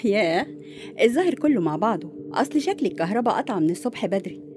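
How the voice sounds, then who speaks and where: A woman's voice: medium pitch, big pitch swings, fast, a little mellow, slight background noise, natural voice. An actress playing a refined, bossy lady of the house who lives alone, with an Egyptian accent. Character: prim, lonely middle-aged lady of the house.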